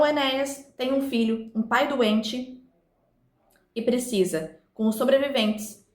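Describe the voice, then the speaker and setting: A woman's voice: fairly high pitch, roomy sound. A woman teaching a recorded lesson to her viewers, explaining step by step and speaking to them directly. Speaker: literature teacher.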